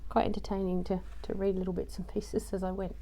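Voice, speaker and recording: This craft journaling vlogger talks quickly and flatly in a medium-pitched, warm voice, casually walking through a craft project at home. Her chatter meanders with many ums and little jokes at her own expense, and her voice has just recovered from being lost. A little hiss or hum sits underneath.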